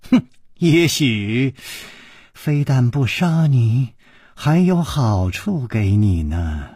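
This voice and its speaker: A male storyteller voicing a cold, menacing leader of archers who talks low and threatening. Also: big pitch swings, very slow, darkish tone, breathy edge, no echo, studio quality, full character voice.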